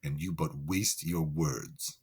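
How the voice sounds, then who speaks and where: A man reading the lines of a cold, stern male judge, speaking in a slow, serious and measured way. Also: a bass voice, steady tone, a little mellow, slightly rough, voice pushed down, heavily acted.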